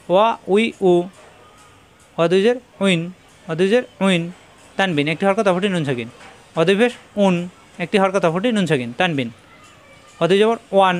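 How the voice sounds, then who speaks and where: A man's voice: high-pitched, clear, resonant tone. A man teaching Quran reading, who spells out letters and their sounds one by one and repeats each drill patiently. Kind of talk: spelling-out recitation lesson.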